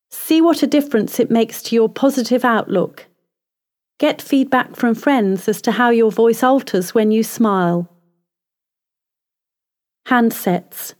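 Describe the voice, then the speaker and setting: A woman voice coach giving calm, measured spoken instructions for vocal warm-ups and posture in a scripted narration. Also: fairly high pitch.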